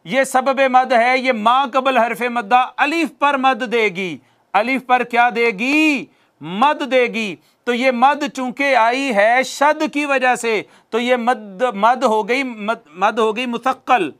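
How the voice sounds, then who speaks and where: A male recitation teacher giving a classroom lesson, repeating definitions slowly for dictation and asking questions he then answers himself. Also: very high voice, a bit bright.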